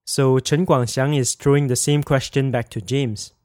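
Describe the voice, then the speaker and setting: Man calmly explaining a language lesson. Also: medium pitch, no room sound, studio quality. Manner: clear explanatory, reads example phrases slowly. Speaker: language teacher. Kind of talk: scripted language lesson narration.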